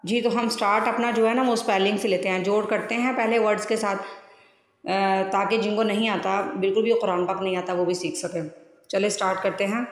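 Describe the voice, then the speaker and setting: A woman's voice: medium pitch, fairly even intonation, fairly quick. A woman teaching a Quran lesson, spelling out each word syllable by syllable and repeating it patiently. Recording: echoey room with long reverb.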